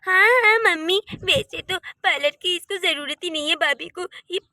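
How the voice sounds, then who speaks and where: A woman's voice: very high voice, pushed and bright, dry recording, studio quality, exaggerated voice. A woman voicing a spoiled, boastful young woman in a cartoon who teases her sister-in-law. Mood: mocking. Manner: teasing, boastful, fast. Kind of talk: Hindi cartoon voice acting.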